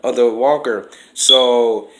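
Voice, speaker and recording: A man's voice: mid-range voice, fairly even intonation, slow pace, background noise. A man talking casually to his viewers in a video, rambling in a loose, conversational way and often restarting his sentences. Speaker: vlogger. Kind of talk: casual vlog talk to camera.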